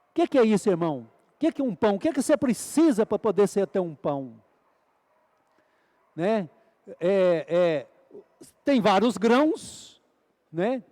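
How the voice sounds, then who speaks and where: High-voiced preacher crying out to God. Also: male voice, a little mellow, big-room sound. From Brazil. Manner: repeated fervent "Ó Senhor Jesus" exclamations; asks the congregation questions and answers them. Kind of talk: sermon.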